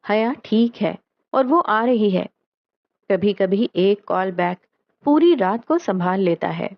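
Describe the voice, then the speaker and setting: Slow, measured woman narrating a novel. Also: medium pitch, no room sound, highs cut off. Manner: slow, measured storytelling with quoted dialogue. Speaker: audiobook narrator.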